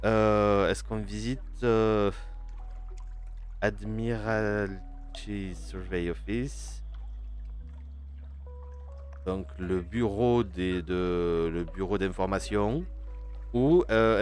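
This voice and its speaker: Low-voiced guy streaming a game, slow and hesitant, lots of ums, faint music behind. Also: clean tone. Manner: hesitant, many fillers and restarts, chats with viewers. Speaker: streamer playing a game live. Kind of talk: casual live-stream chat, reading game text.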